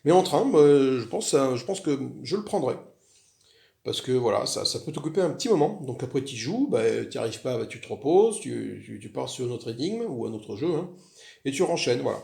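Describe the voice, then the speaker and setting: A man's voice: mid-range voice, big pitch swings, moderate pace, gravelly, mellow. A man chatting casually as he walks through a solo board game, rambling with frequent restarts. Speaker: board game video host.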